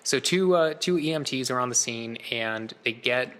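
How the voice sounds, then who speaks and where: A man in his thirties, a podcast co-host, telling a personal story in a lively, casual way with quick asides. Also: medium pitch.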